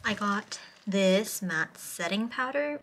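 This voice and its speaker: Young female vlogger, casual narration, medium pitch, clear background noise and rustling. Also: animated, slow. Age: young adult.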